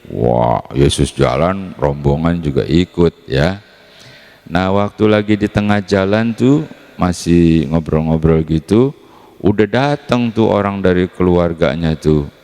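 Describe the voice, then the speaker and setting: A man's voice: deep voice, unhurried, a little mellow. A man preaching a casual sermon in church, retelling a gospel story in a chatty way and acting out the dialogue. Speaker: pastor.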